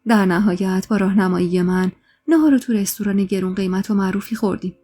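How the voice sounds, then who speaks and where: A woman narrates a true-life story in a steady storytelling voice. Her tone is warm and mellow, and faint music plays underneath. When she speaks the characters' lines, she lifts them with extra feeling. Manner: voices the characters' lines with raised pitch and emotion.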